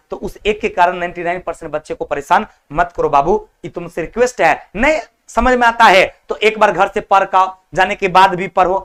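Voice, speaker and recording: A man's voice: sits high, a bit bright, clean tone. A male teacher, lecturing an online exam-prep class in a scolding yet affectionate, colloquial way. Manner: colloquial, repeats words like 'chala' and 'babu'.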